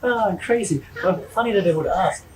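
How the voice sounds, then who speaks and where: A man's voice: high-pitched, moderate pace, a little mellow, distant mic, a little hiss or hum, rough recording. A man with a German accent hosting a podcast, chatting in a rambling way with frequent restarts and laughs. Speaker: podcast host. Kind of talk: casual interview chat.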